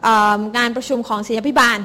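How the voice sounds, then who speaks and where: A woman interpreting a sermon into Thai for the congregation, rendering it lively and expressively. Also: a little high, fast. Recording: hall reverb.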